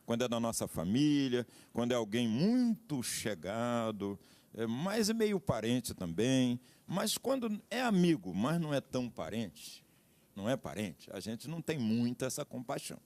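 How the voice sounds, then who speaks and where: Lively preacherly male Bible teacher. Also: mid-range voice, normal speed. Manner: explanatory, preacherly emphasis. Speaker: seminary teacher, guest panelist. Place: TV studio.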